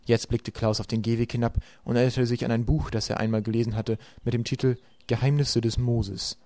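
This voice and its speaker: A man reading a children's novel aloud as a homemade audiobook, with steady, measured storytelling. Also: mid-range voice, dry recording. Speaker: audiobook reader.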